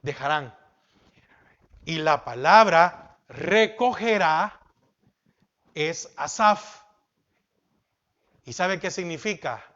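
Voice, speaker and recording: A man preaching a sermon as pastor, asking the congregation questions and dropping from loud emphasis to soft. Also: a little high, expressive, takes it slowly, pauses often, muffled recording.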